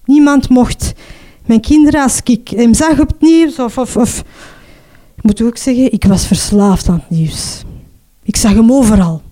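A middle-aged woman with a Flemish accent gives a personal testimony in a mellow, slightly high voice. Her speech is halting and emotional, full of restarts and little tag words. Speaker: mother telling her own story.

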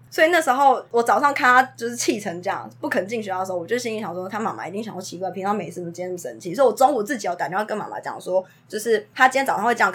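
A woman's voice: medium pitch, breathy edge. A woman, a daycare teacher telling classroom stories in casual chat and acting out the children's lines. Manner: animated storyteller, acts out children's lines.

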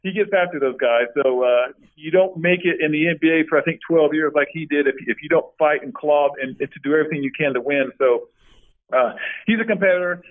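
Over a tinny, phone-like line, a middle-aged former college basketball player, voice pitched a little high, talks fairly quickly as a guest in a casual interview. He tells stories, restarts his sentences often, and gets animated when quoting people.

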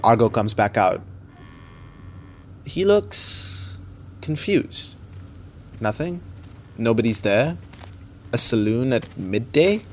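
A man's voice: mid-range voice, very animated, slow, pauses often, a little hiss or hum. A young man narrating in first person as the lead of an audio drama, chatty with wry, self-deprecating asides. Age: young adult.

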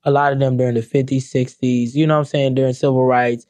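A young adult man ranting comedically to camera, profane and animated, breaking into mock-sung lyrics. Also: medium pitch, fast, no room sound. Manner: animated, profane, sings song lyrics mockingly. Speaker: commentator.

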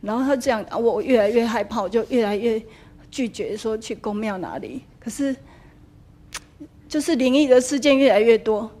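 Higher-voiced Taiwanese woman telling her story. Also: moderate pace, warm tone. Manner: storytelling, slips into Taiwanese Hokkien for quotes. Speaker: attendee asking a spiritual teacher. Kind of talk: personal testimony in a dharma hall.

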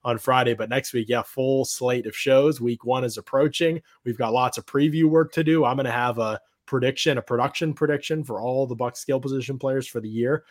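A man's voice: medium pitch, steady tone, a little fast, hardly any pauses, dry recording, studio quality. A man hosting a casual sports podcast, talking informally in a strained voice that cracks. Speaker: podcast host.

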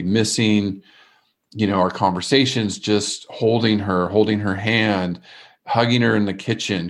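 Earnest low-voiced man, casual chat. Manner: earnest, open about feelings, rambling. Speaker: podcast co-host. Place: remote call from abroad.

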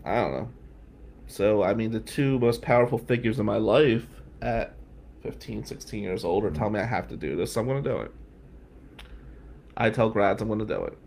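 A middle-aged man from New Jersey tells a long personal story on a live stream, drifting into tangents as he goes. His voice sits fairly low and has a gravelly, fry-laden edge. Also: moderate pace, darkish tone, a little hiss or hum. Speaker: host.

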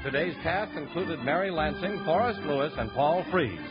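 Animated old-time American radio announcer, high-pitched man. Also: normal speed. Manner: polished, emphatic sponsor delivery. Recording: dull vintage radio recording, music behind. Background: music.

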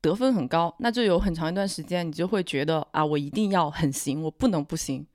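Calm, composed woman with a lowish voice. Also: quick pace, no echo, clean studio sound. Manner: calm, composed, rational-sounding, cool. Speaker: podcast co-host. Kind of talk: casual reflective chat.

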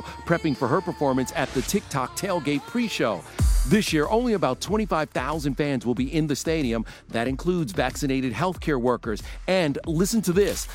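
A man voicing an entertainment news segment in a punchy, upbeat read. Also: fairly high pitch. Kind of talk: news package voice-over. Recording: music bed under the voice. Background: music.

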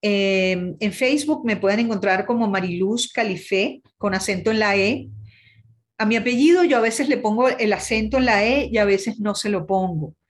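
A woman from Ecuador, a musician and music teacher chatting as an interview guest and often tagging "¿no?". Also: mid-range voice. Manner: chatty, adds "¿no?" often and spells things out slowly. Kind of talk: casual interview chat.

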